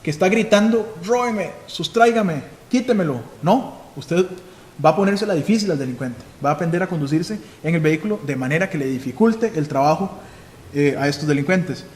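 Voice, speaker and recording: A man's voice: a little high, lively intonation, fairly quick, a little mellow. A man with a Costa Rican accent, a police chief giving a live security seminar, who asks questions and then answers them himself. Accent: Costa Rican Spanish. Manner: instructive, asks and answers his own questions. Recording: echoey hall with faint noise.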